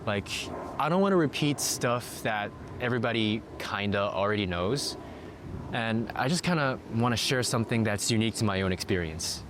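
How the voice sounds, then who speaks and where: A man with a fairly low voice, raised in Malaysia, talks through his vlog in a steady, explanatory way. Faint noise sits under the recording. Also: moderate pace. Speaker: vlogger. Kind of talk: scripted vlog narration.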